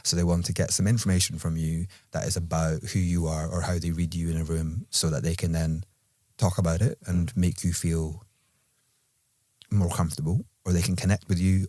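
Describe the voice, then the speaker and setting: Deep-voiced Edinburgh Scottish man. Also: little pitch movement, mellow, dry recording. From Scotland. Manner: playful, dry teasing humor; thoughtful, measured when explaining. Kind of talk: casual podcast conversation.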